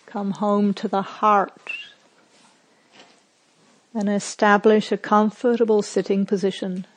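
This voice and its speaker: A woman guides a meditation at a very unhurried pace. Her voice sits at a middle pitch. She gives gentle instructions in short phrases, leaving plenty of silence between them. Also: flat delivery, low-quality recording. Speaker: meditation teacher.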